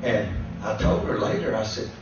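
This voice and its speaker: A man preaching as a guest pastor. He tells a personal testimony that builds into shouted preaching. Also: lowish voice, level tone, moderate pace, noisy background. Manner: storytelling that climbs into shouted preaching. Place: church sanctuary. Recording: echoey church room, distant dull mic.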